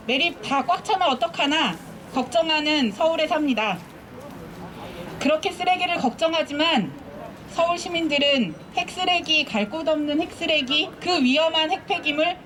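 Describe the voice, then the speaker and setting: A woman from Seoul, an activist, giving an earnest, measured speech at an outdoor protest. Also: high-pitched, a bit bright, a little hiss or hum. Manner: earnest, measured, repetitive phrasing. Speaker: activist speaker at a rally. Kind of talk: rally speech.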